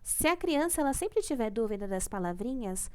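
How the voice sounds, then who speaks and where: A woman's voice: on the high side, very animated, moderate pace, darkish tone, smooth. A young woman teacher with a Brazilian Portuguese accent, patiently going over homework in a recorded class and often checking in with "tá?". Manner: patient, ends phrases with "tá?", syllables drawn out. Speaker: primary school teacher.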